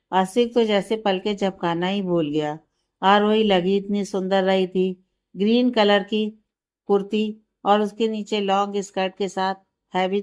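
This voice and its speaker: Smooth-voiced woman narrating a story. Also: medium pitch, darkish tone.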